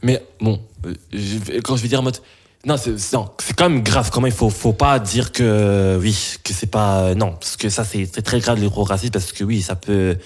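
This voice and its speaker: Halting young Belgian man. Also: on the low side. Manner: halting, many restarts and fillers. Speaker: interviewee. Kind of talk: interview answers.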